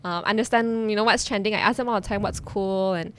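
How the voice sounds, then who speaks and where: A woman's voice: mid-range voice, fairly quick, slight background noise. A young woman, a teacher and content creator, chatting as a podcast guest, friendly and laughing often. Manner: friendly, laughs often, many likes and ums. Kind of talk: casual interview chat.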